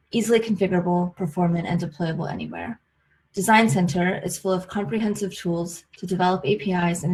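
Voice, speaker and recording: A woman in her forties with an American accent, giving a webinar presentation on a video call in a clear, explanatory way. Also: on the low side, low-quality recording. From United States.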